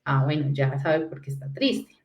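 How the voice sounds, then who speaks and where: A woman's voice: rumbling low, expressive, moderate pace, reverberant. A woman patiently explaining how to talk to small children, often checking that she is understood. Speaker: parenting talk guest. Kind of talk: conversational talk on parenting.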